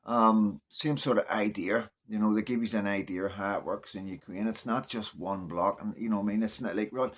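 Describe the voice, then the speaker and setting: Fairly low in pitch and moving at a normal speed with hardly a pause, a Northern Irish man talks politics casually and without a script. His take is opinionated and chatty, with regular check-ins with the listener.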